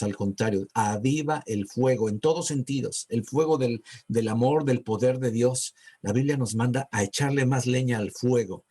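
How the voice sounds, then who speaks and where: A man giving a sermon as pastor, talking conversationally and slowing down when he reads verses aloud. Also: medium pitch, darkish tone, breathy edge. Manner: conversational preaching, slows to read verses. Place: church.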